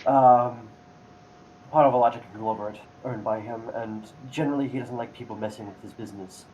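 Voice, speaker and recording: A talkative village shopkeeper, played by a man, rambling along and pausing on frequent ums. His pitch sits in an ordinary middle range. A faint hiss runs under the voice. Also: steady tone, lo-fi sound, lightly acted. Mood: chatty. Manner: rambling, hesitant with many ums. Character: male shopkeeper, chatty franchise owner.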